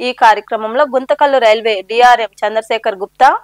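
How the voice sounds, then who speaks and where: Brisk woman news anchor over music. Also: a little high, steady tone, no room sound, studio quality. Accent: Telugu. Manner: brisk, formal bulletin delivery. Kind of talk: scripted news reading.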